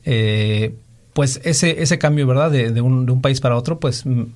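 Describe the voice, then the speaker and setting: A man speaking in a mid-range voice. He tells his story in an easygoing way, pausing on small filler sounds as he goes. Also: mid-range voice, a little mellow. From Mexico. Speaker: musician. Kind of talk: casual interview talk. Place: Chicago.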